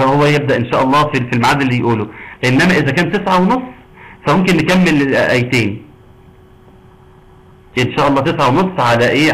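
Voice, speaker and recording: Fast-talking Egyptian man teaching Quran. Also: medium pitch, rough recording. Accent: Egyptian Arabic. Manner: warm encouraging teacher, quizzing students with frequent pious phrases. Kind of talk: online Quran tajweed lesson.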